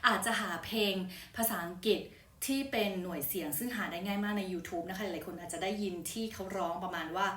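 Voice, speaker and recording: A woman's voice: mid-range voice, a bit bright, recorded from a distance. Chatty woman teaching phonics in a roomy echo. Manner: chatty, polite, slow deliberate word demonstrations. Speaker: English teacher. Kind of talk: casual phonics lesson. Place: hot room.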